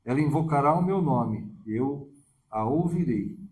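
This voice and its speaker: A man's voice: fairly high pitch, expressive, normal speed, darkish tone, reverberant, rough recording. A man from Brazil reading scripture and leading a fervent prayer that keeps calling on the Lord. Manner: fervent prayer with repeated "Senhor". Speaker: preacher.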